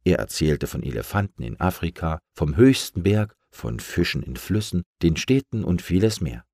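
A man reading a children's story aloud in an expressive, lively way. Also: sits low, moderate pace, no echo, clean studio sound.

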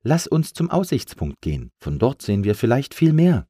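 A man's voice: medium pitch, huge pitch swings, breathy edge, dry recording, studio quality, voice pushed up. A man voicing Lufti, an eager, encouraging young balloon in a storybook reading. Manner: encouraging, bright and quick.

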